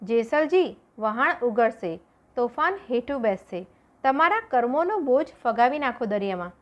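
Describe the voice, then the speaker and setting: A woman voicing a calm, devout holy woman who urges with gentle firmness in a storybook reading. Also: on the high side, moderate pace, lo-fi sound, close to an everyday voice. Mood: calm urging. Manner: gentle, firm urging.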